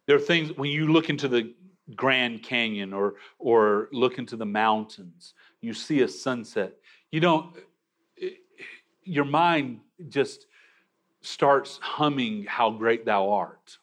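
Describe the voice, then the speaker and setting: Slow, emphatic preacher. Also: male voice, medium pitch, fairly bright tone. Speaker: pastor. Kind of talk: sermon.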